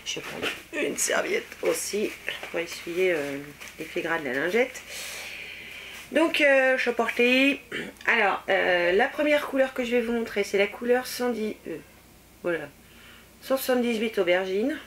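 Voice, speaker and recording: A woman's voice: a little high, expressive, a little slow, fairly bright tone, slight background noise. Chatty woman reviewing makeup. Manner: chatty, many fillers, swatching products on her hand. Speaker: beauty vlogger. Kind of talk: casual makeup haul review.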